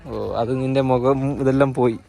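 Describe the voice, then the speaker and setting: A man's voice: medium pitch, flat delivery, brisk, dark tone. Chatty man vlogging outdoors. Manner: chatty, guiding viewers, often tags sentences with "you know". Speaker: travel vlogger. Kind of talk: casual travel narration. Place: outdoors on a tea estate, hills and a village market.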